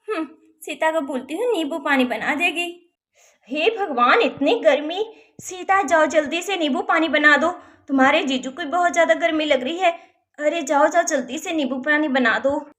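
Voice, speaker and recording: A woman's voice: very high voice, a bit bright. A woman voicing a distraught village mother in a doll story, scolding and frantic.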